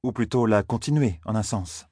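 A man's voice: lowish voice, moderate pace, mellow, slightly rough, no echo, studio quality. A man voicing a stern, powerful older woman who leads an order of sorceresses, with a cool, condescending and mocking manner.

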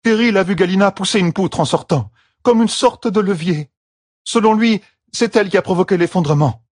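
A man reading an audiobook and voicing an excited, loyal servant woman who reports news eagerly. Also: sits high, brisk, pitched above the performer's own voice. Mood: earnest.

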